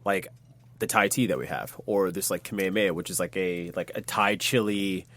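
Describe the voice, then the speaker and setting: A man's voice: sits low, fairly quick, fairly bright tone. A man hosting a podcast in casual, slangy talk with frequent swearing. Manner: profane, slangy. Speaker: podcast host, bartender. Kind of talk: casual chat.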